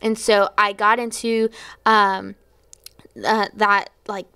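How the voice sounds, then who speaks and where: Chatty young woman with a smooth voice. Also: medium pitch, little pitch movement, slow, bright, forceful tone, no echo. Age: 20s. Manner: earnest, chatty, laughs often, many "like" fillers. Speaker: missionary guest. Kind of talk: personal storytelling interview.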